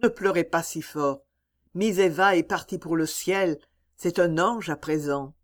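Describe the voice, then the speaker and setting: A reader voicing a stern but kindly older woman who speaks with gentle, earnest reassurance. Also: medium pitch, unhurried, close to an everyday voice. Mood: tender.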